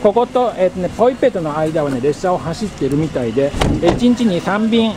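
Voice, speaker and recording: A man talks casually as he explores a small rural station, musing aloud and working things out as he goes. His voice sits a little on the high side. The camera mic picks up clear outdoor noise with birds and passing vehicles. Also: very animated, fast talker. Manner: muses aloud, thinking as he goes. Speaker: travel vlogger. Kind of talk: casual travel vlog narration. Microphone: handheld camera mic. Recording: outdoor ambience with birds and traffic.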